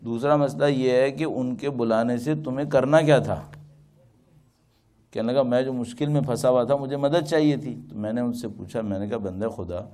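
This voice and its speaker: Male cleric, storytelling sermon voice, mid pitch, relaxed and warm. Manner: storytelling, rhetorical questions, acts out quoted dialogue. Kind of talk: religious talk with anecdotes.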